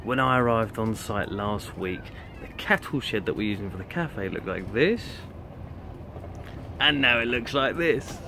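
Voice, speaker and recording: A man in his thirties, a vlogger and youth camp leader, narrates casually to camera under a tent awning on a windy campsite. His mid-range voice is bright and forceful, with lively intonation and a measured pace. Wind and outdoor ambience fill the background.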